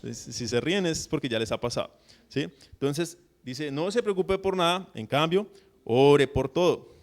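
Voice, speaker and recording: A pastor preaching with a fairly high voice. He keeps his sermon conversational and keeps asking the congregation whether they follow him. He now and then acts out mock prayers in a put-on voice. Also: moderate pace. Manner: conversational preaching, constant checks with the audience.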